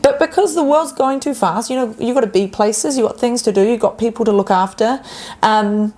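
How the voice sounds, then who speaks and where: A woman health coach talking casually on a podcast, acting out the inner voices of her clients with animated turns. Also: on the high side, fairly quick.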